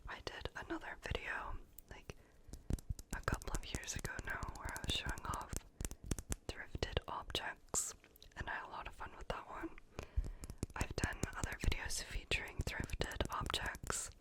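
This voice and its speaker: Whispered ASMR rambler, chatty and meandering. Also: normal speed. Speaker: ASMR video creator.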